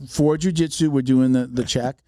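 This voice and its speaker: A man's voice: mid-range voice, steady tone, normal speed, dark tone, no echo, studio quality. A man hosting a casual podcast conversation, rambling with many restarts.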